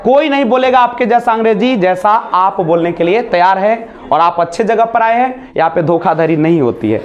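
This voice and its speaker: A man's voice: sits high, lively intonation, moderate pace, muffled recording, faint music behind. A man teaching a basic spoken English class. He demonstrates sounds aloud, mixes English phrases into his speech and asks rhetorical questions. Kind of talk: classroom lesson.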